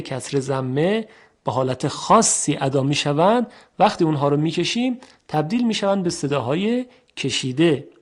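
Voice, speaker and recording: Man teaching slowly, drawing out sounds. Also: a little high. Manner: slow and deliberate, stretching out sample vowel sounds. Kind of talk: recorded language lesson.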